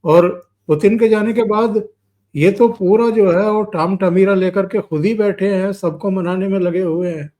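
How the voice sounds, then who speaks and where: A man's voice: sits high, steady tone, measured pace, warm tone. A man with an Indian accent hosting a political discussion, asking emphatic leading questions. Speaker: show host.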